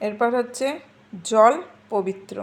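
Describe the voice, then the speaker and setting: A woman's voice: fairly high pitch, steady tone. A woman teacher patiently explaining Sanskrit grammar to students, repeating word forms and checking they follow. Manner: patient, repeats forms slowly and asks "ঠিক আছে?".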